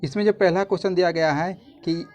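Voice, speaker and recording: A man's voice: high-pitched, fairly even intonation, fairly quick, a little mellow. A man, a YouTube tutor walking through exam answers in a casual, repetitive way that often restarts phrases.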